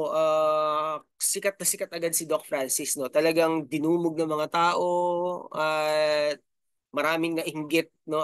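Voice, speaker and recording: In a smooth, slightly high and slightly bright voice, a middle-aged Filipino man hosts a YouTube channel with casual commentary. He chats freely, uses lots of fillers, and often tags on "no?" or "di ba?". The recording is dry and studio quality.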